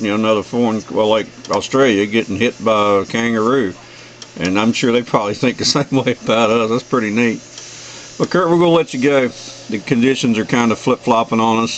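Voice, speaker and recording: A fairly low-pitched man from the United States, middle-aged or older, talks a little fast with fairly even intonation during a casual amateur radio contact. He's folksy and friendly, ending with warm sign-offs, and the radio shack around him is noisy.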